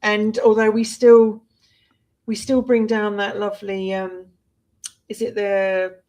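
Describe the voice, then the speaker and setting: British lady co-hosting a podcast, chatty and animated, lots of restarts, mid pitch. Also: slow, poor audio. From Britain. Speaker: co-host. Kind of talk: casual chat.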